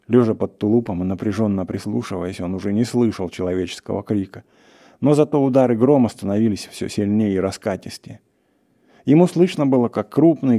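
A man narrating a classic short story in a steady, measured storytelling manner. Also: on the low side. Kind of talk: literary reading of a classic story.

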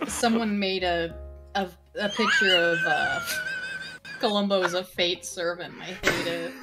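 A woman's voice: lowish voice, fairly even intonation, measured pace, loud music behind the voice. A woman chatting casually as a guest on a game stream, exclaiming and restarting her sentences.

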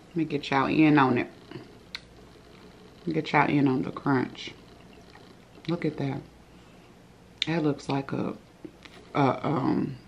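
A low-pitched, creaky voice belongs to a woman in her thirties doing a casual eating vlog indoors in her living room. She calls her viewers "y'all," and there's slight background noise.

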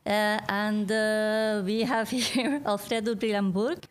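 A woman's voice: medium pitch, fairly even intonation, slow pace, clean tone. A woman moderator formally introducing a speaker at a seminar. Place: indoor seminar room. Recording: faint room noise.

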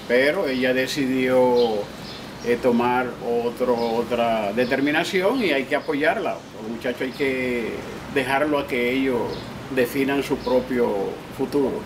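An older man with a Dominican accent, speaking proudly and measuredly in a sit-down interview outdoors on a garden patio. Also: medium pitch. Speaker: family member of contestant. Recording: noisy outdoor recording. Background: birds and outdoor ambience.

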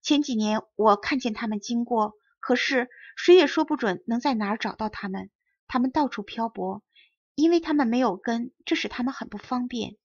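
A woman's voice: on the high side, moderate pace, husky, no room sound. A woman voicing a plain little desert flower that speaks in an offhand, matter-of-fact way in a storybook reading. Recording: dull lo-fi recording.

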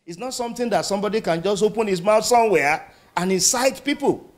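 A man with a Nigerian accent comments with a critical edge. His voice sits high, and he presses his points with pointed questions. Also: expressive, brisk.

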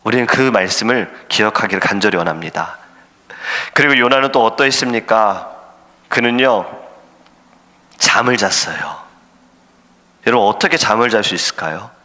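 Casting: male pastor, bright clear voice, earnest sermon delivery, long church reverb. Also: fairly low pitch, lively intonation, moderate pace, pauses often. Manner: earnest preaching, acts out shouting sailors and God's voice. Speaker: senior pastor. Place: church sanctuary.

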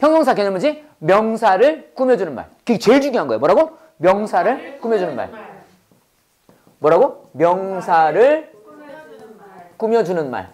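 Woman teacher in a classroom, lively drilling lecture with a very animated voice. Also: mid-range voice, normal speed, pauses often. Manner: lively, call-and-response drilling with laughs. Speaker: English teacher. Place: classroom with students.

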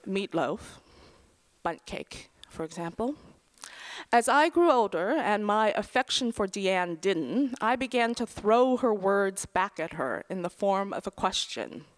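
A middle-aged woman reading her own memoir essay aloud at a lectern in a large auditorium, dry and wry, with soft trailing phrase endings. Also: mid-range voice, lively intonation, a little slow. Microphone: lectern microphone.

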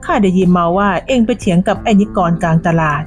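A woman's voice: mid-range voice, faint music behind, lightly acted. Woman voicing a worried old village husband. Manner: slow, calm, cautionary.

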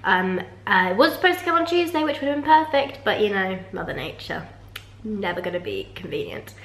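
A young woman, chatting candidly to a handheld camera in a holiday flat. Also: mid-range voice, brisk, vocal fry. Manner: chatty and candid, with small restarts. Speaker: vlogger. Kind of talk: casual vlog. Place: holiday rental flat, bathroom and sitting room. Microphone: handheld camera at arm's length. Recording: echoey small rooms.

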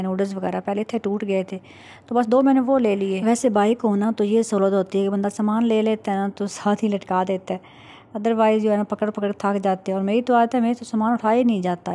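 A woman's voice: mid-range voice, warm tone. Chatty middle-aged Pakistani woman vlogger. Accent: Punjabi Pakistani Urdu. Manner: chatty, matter-of-fact, recounting haggling. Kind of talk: casual voice-over narration.

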